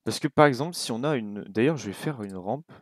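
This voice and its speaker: A young man with a French accent giving a relaxed, casual coding tutorial at his computer, thinking aloud with many fillers and asides. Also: medium pitch, a little fast. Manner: relaxed, talks while clicking, many fillers and little asides. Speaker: game development tutor.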